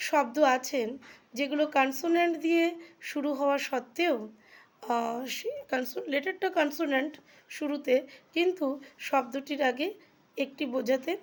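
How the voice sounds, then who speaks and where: A woman whose first language is Bengali, patiently teaching English grammar to students, spelling out and repeating examples. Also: high-pitched. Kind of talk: explanatory lesson to students.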